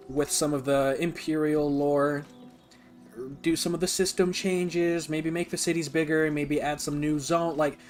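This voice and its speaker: A man streaming a game with a slightly high voice. He rambles through his thoughts with constant fillers, then jumps into loud, excited outbursts when something happens on screen. Faint game music plays behind him. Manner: rambling, full of fillers like "like" and "you know"; bursts into loud, excited reactions during fights. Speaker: streamer playing a game for the first time. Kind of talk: casual live-stream chat and gameplay reactions.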